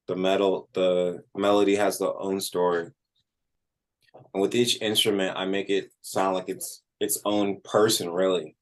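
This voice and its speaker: A musician with a low-pitched voice gives a casual interview, speaking informally and conversationally and using "like" often as filler.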